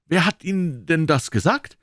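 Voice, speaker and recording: An erratic young scholar from an old crime story, his voice pushed up high and jumping about, abrupt and excitable. A man acts him out close and dry on the mic. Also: normal speed, no room sound. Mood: jittery.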